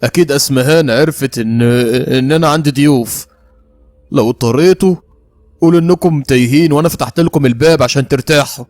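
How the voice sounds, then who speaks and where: A man's voice: medium pitch, fast, no room sound, natural voice. A man voicing a frightened Egyptian woman in her fifties who speaks with an Egyptian accent and pleads urgently. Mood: frightened pleading. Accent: Egyptian Arabic. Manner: urgent, pleading, hushed warnings.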